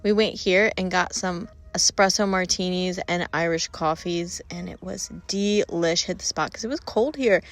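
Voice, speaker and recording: A woman's voice: on the low side, moderate pace, hardly any pauses, faint music behind. A woman narrating her travel vlog in a chatty, upbeat voice-over. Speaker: travel vlogger.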